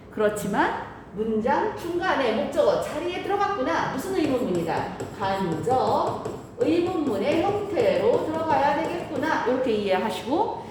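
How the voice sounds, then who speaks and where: A woman teacher speaks through a face mask in a very echoey room with clear background noise. Her voice moves up and down in a lively way as she explains the lesson, posing questions and answering them herself. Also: high-pitched. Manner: didactic, often asking and answering her own questions. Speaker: English grammar teacher.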